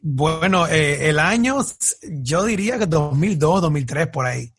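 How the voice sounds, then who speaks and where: A man's voice: on the high side, animated, unhurried, fairly bright tone, husky, no room sound, clean studio sound. A man from Ecuador, a guest musician, talking in a casual podcast interview with many fillers and restarts.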